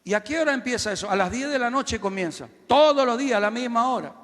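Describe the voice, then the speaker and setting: A man preaching a sermon as pastor, telling a story and then building to loud, shouted calls for the congregation to repeat after him. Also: very high-pitched, animated, fast, in a large hall.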